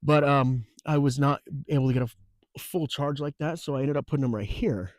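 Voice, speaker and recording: A man's voice: medium pitch, a little fast, no echo. Casual man vlogging, dry close sound. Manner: rambling and relaxed, with fillers and restarts. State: has the hiccups. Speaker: off-grid homesteading vlogger. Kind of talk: casual walkthrough vlog. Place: outdoors and inside a camper on a rural off-grid homestead.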